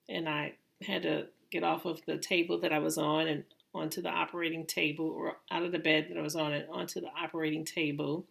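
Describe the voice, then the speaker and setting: Middle aged lady vlogging casually, really creaky low voice, kinda halting as she tells her story. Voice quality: gravelly, creaky voice. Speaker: vlogger recounting own surgery.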